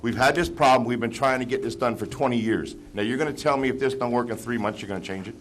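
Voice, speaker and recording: A man's voice: medium pitch, fast talker. A man speaking as a resident at a town council meeting, frustrated and skeptical. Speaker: resident speaking at public comment. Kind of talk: public meeting comment.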